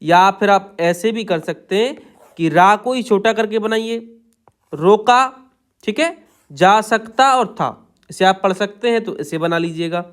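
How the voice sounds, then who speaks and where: A man teaching shorthand, dictating words slowly and repeating set phrases as he writes each one out. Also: high-pitched, fairly bright tone. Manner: slow, drawn-out dictation of words. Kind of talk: step-by-step tutorial.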